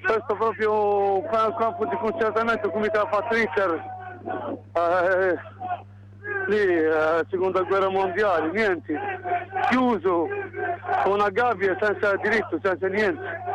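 A man's voice: high-pitched, a little slow, long pauses. A man calling in over the phone from a rooftop, talking in agitated, broken phrases. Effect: heard over the phone. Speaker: detainee calling in. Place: on a rooftop outdoors. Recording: loud noisy phone line.

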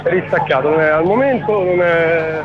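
A man reporting live by phone from a street, talking haltingly and repeating words as he goes. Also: on the high side, over loud music. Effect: heard over a phone line. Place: outdoors in a street amid a crowd. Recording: tinny phone line with street noise.

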